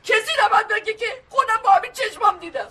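A woman's voice: very high-pitched, expressive, pushed and bright, heavily acted. An actress playing a fed-up wife who bitterly scolds her lying husband in a comic TV series. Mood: scolding. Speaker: wife and mother.

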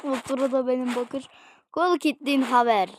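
A woman casually commenting on her own gameplay, excitable and slangy, often yelling at what happens on screen. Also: high-pitched, normal speed, noisy background. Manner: excitable, slangy, yells at the game. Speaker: gaming channel host.

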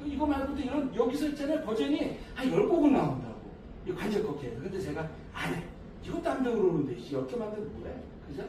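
A man's voice: high voice, very animated, quick pace, background noise. Laughing, boastful man in an echoey room. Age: middle-aged. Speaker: social dance instructor. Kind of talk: casual chat with a dance partner. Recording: echoey distant room mic.

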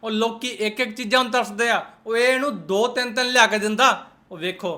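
A man's voice: extremely high pitch, fairly even intonation, fast talker, pushed and bright. A man with a Punjabi accent giving mocking, sarcastic reaction commentary in colloquial speech. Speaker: host of a roast reaction channel.

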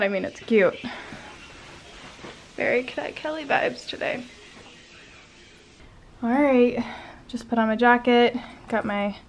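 A woman in her twenties chatting casually and self-mockingly to her handheld camera in a hotel room. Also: a little high. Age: 20s. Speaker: vlogger. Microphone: handheld camera at arm's length.

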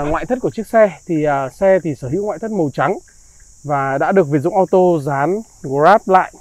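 A man giving a slick, polite used car salesman's walkaround pitch, praising and reassuring as he goes. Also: dark tone, no room sound. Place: outdoors beside and inside a parked car.

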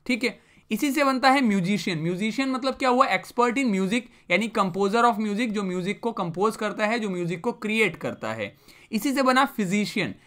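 A male teacher gives a vocabulary lesson in Hindi mixed with English terms, repeatedly posing rhetorical questions to the class and answering them himself. His voice is high-pitched, animated and fairly bright, at a moderate pace.

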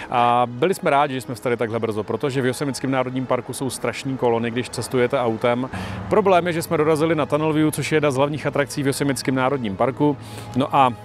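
A man in his thirties, a travel vlogger chatting casually and joking as he walks through a mountain park, filming himself on a phone at arm's length. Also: mid-range voice. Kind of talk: casual travel vlog with narration. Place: outdoors in a mountain park, walking. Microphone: phone held at arm's length.

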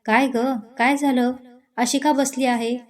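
A woman's voice: high voice, steady tone, measured pace. A woman voicing a teasing, outspoken young woman who is a loyal friend, in a storybook reading. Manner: playful then indignant.

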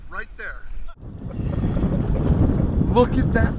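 A man on an open boat, excitedly exclaiming in awe while fishing outdoors. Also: sits high, very slow, dull audio. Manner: breathless, awestruck exclaiming. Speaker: fishing guide. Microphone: action camera mounted on the boat. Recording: loud wind noise, distant mic.

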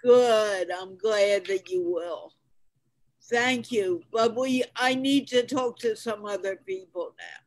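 An older woman hosting an English conversation class over a video call, speaking slowly and patiently like a teacher. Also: mid-range voice, poor audio. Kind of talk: online video call chat.

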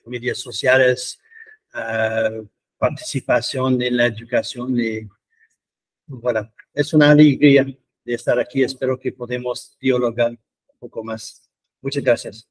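A Canadian professor gives a prepared seminar talk to students in an indoor meeting room, speaking non-native Spanish in measured, flat, short phrases. His pitch is medium, he uses a handheld microphone, and the recording quality is low.

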